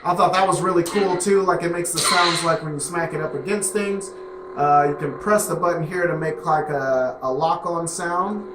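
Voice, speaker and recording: A man's voice: fairly high pitch, fairly even intonation, normal speed, heavy background noise. A man casually reviewing a product, rambling with many fillers and restarts. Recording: echoey room.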